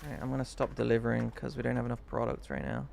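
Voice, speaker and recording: A man's voice: mid-range voice, big pitch swings, racing, gravelly, a little mellow, a little hiss or hum. A male streamer chatting casually on a live stream. He talks bluntly and swears when annoyed.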